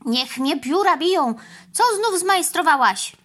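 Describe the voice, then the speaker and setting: A woman's voice: sits high, expressive, a bit bright, voice pushed up. A woman voicing a fussy, greedy male crow who squawks "kra" in a children's storybook reading. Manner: squawks "kra", brisk quick retorts.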